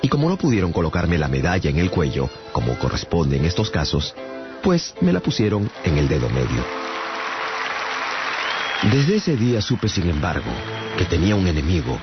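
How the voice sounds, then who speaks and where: In a radio drama, an actor plays an earnest, courteous traveler, a giant among tiny people, who narrates his adventures as an expressive storyteller. His deep voice moves at a normal speed. The sound is dull, with music behind and crowd noise.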